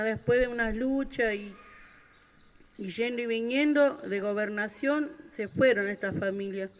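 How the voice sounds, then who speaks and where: High-voiced man giving earnest testimony. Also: fairly bright tone, clean tone. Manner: earnest, halting, with restarts. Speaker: parent of victims speaking at a public gathering. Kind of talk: testimony at a public event.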